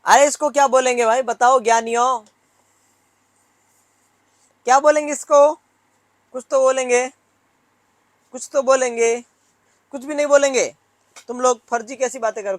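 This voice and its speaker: High-pitched teacher drilling nursing students. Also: male voice, fairly even intonation, normal speed, pauses often, no room sound. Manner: drills students with repeated questions, scolds playfully; mixes Hindi with English terms. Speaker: nursing exam tutor. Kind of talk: classroom lecture.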